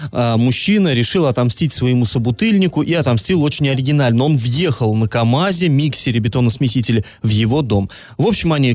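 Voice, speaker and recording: A male radio host with a medium-pitched voice in a dry studio. He talks casually, reworking his sentences as he goes and slipping in wry asides. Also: a little mellow, no echo. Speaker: radio morning show host. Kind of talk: casual live radio talk with news and sponsor reads.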